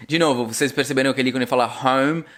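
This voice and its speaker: A man with a Brazilian Portuguese accent, chatting casually as a vlogger and repeating sample words slowly to explain them. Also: medium pitch, steady tone, a bit bright. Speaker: vlogger teaching English.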